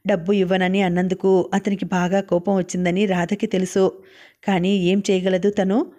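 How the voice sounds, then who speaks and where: Lady reading an audiobook novel, very flat level delivery. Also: medium pitch, normal speed. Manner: steady, even reading. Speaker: audiobook narrator. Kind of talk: novel narration.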